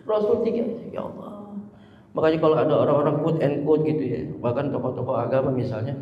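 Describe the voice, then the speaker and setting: A man's voice: fairly high pitch, fast. A middle-aged Indonesian man giving an emotional, conversational sermon, often sighing in devotion. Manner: emotional, conversational storytelling with frequent sighs of devotion. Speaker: preacher. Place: mosque hall. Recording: roomy hall echo, dull lo-fi sound.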